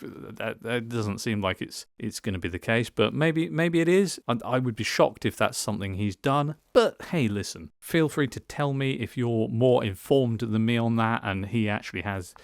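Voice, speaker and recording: A tipsy man giving a casual solo film review, rambling and halting as he stumbles over his words after drinking wine. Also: mid-range voice, gravelly, dry recording, clean studio sound.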